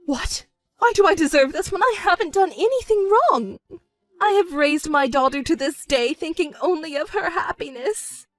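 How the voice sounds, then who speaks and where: A woman voicing a selfish, manipulative middle-aged stepmother with a shrill, wailing voice. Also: lively intonation, moderate pace, no room sound. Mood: indignant. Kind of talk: dramatized story narration.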